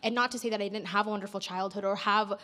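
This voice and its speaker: A woman's voice: mid-range voice, steady tone, racing, bright, forceful tone, long reverb tail. A woman in a book discussion, sharing personally and searching for words. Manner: searching for words, many restarts. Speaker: book club participant.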